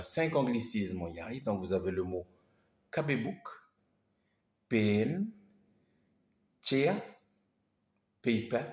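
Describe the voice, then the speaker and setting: A man's voice: low voice, a little mellow. A man giving a vocabulary lesson, patiently repeating each word several times. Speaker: language teacher. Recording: roomy echo.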